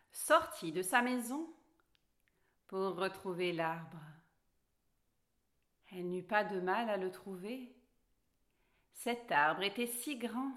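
Slow, bright-voiced woman reading a storybook. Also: a little high. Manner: slow, deliberate and expressive, stressing key words. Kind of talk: storybook read-aloud.

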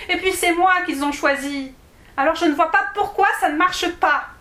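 A woman voicing a stubborn, eager six-year-old girl in a read-aloud storybook, with a raised, excitable, sometimes sulky voice. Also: high-pitched, unhurried, pitched above the performer's own voice.

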